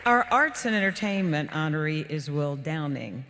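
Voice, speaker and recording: A man formally announcing an award honoree and introducing the presenter in a measured way. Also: a little high, animated, bright, forceful tone, big-room sound, a faint crowd, slight background noise. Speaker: ceremony announcer. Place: large hall.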